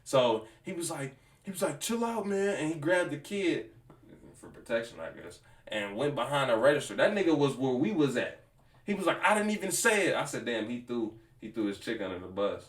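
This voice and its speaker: Male co-host, lively slangy storyteller, roomy distant sound. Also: medium pitch, a little fast. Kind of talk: casual chat.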